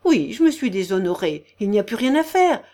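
A woman reading an audiobook, voicing a domineering older noblewoman who scolds in shrill outbursts. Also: sing-song, a little fast, warm tone, natural voice. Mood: furious. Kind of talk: audiobook character voice.

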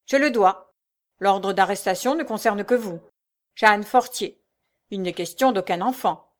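A woman's voice: mid-range voice, unhurried, close to an everyday voice. A woman doing a stern gendarme sergeant. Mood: commanding. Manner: loud, commanding, curt. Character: stern male gendarme sergeant making an arrest.

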